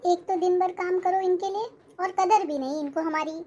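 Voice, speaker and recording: A woman's voice: extremely high pitch, normal speed, warm tone, dull audio. A woman voicing an arrogant, scornful young daughter-in-law in a cartoon-style family drama, always complaining and snapping back. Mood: irritated. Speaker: schoolteacher character.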